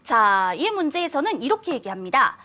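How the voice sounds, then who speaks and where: Lively sing-song woman teaching kids. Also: sits high. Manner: sing-song, addresses kids warmly with drawn-out emphasis. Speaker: elementary math teacher. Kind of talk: online math lesson for children.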